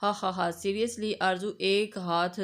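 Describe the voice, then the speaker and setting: A woman's voice: medium pitch, fairly even intonation, natural voice. A woman voicing an arrogant young man who mocks the heroine he holds captive. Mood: mocking. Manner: taunting, smug. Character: arrogant young man, mocking forceful captor.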